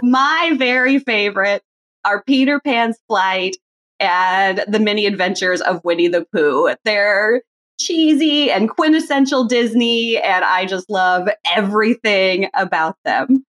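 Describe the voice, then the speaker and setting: A woman's voice: medium pitch, measured pace. A middle-aged woman as a guest in a casual chat, telling fond, nostalgic stories. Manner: warm and fond, nostalgic storytelling.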